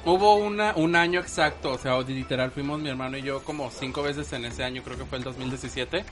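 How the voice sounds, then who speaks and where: A man's voice: mid-range voice, fairly quick, fairly bright tone, soft background music. A man joking and laughing in casual podcast chat. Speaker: podcast co-host.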